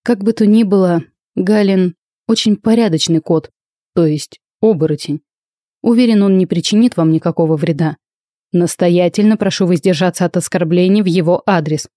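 A woman's voice: lowish voice, normal speed, warm tone, no room sound, studio quality, close to an everyday voice. A woman voicing a sleepy, stern male academy rector who lectures in formal, admonishing tones. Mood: tired.

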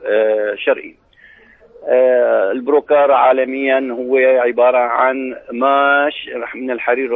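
Husky Syrian craftsman on radio. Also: mid-range voice. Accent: Syrian Arabic. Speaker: brocade craftsman being interviewed. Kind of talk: live radio interview answers. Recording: muffled narrow-band radio line.

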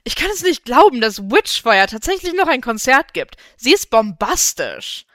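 A woman voicing an excitable young female witch who gushes like a fan, in a storybook reading. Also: on the high side, moderate pace, no room sound, studio quality, voice pushed up. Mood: gushing.

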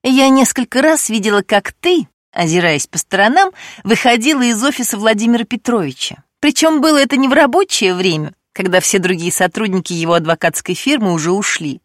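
A woman voicing a sharp young woman who hurls accusations in a raised voice in an audiobook. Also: mid-range voice, lively intonation, a little fast, no echo, clean studio sound, voice pushed up, lightly acted. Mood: accusing.

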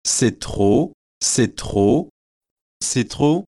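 A man's voice: mid-range voice, animated, very slow, mellow. A man voicing a coarse, foolish male visitor who is insistent and indignant.

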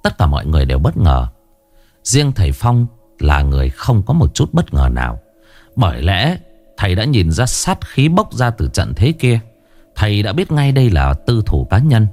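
Expressive male storyteller. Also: lowish voice, normal speed, faint music behind. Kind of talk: scripted ghost story narration.

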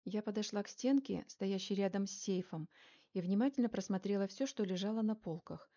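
A woman reading first-person narration for an audiobook, measured and even. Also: medium pitch, lo-fi sound.

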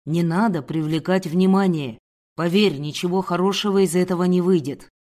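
A woman's voice: a little mellow, close to an everyday voice. A woman voicing a menacing, contemptuous male intruder. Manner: low, slow, contemptuous. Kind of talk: audiobook character voice.

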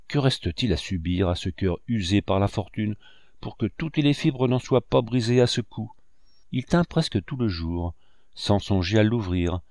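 A man with a fairly low voice reading literary prose aloud, measured and expressive, in the manner of a classic audiobook. The recording is dry and close, with no room sound. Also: no room sound. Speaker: audiobook reader.

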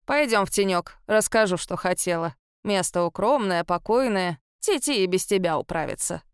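A woman doing a croaky, bossy old great-grandmother. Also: medium pitch, lively intonation, no echo, studio quality, close to an everyday voice. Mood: coaxing. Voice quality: gruff, goblin-like croak. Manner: scolding, cackling, drawn-out words. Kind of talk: audiobook reading.

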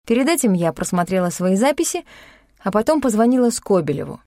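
Dry, calm woman reading a novel. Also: medium pitch, brisk, no echo. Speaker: audiobook narrator. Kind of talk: first-person novel narration. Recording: dry close studio sound.

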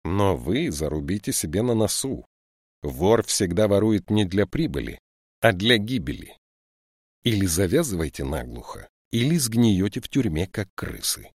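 A severe, stocky woman lieutenant lectures in a raised, scolding voice, as a male audiobook narrator puts her on. Her voice is lifted well above his own low tone and swings widely with rebuke. The room is dry and close. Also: big pitch swings, normal speed, darkish tone, breathy edge, no echo, full character voice. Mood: lecturing. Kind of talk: audiobook character voice.

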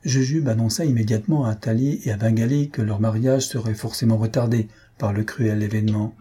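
A man narrating an audiobook in a measured, even storytelling manner. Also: fairly low pitch, breathy edge. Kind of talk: audiobook reading.

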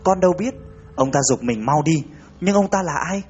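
A man voicing a frightened young woman in a read-aloud ghost story, speaking high and urgent. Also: lively intonation, moderate pace, darkish tone, breathy edge, dull audio. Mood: alarmed.

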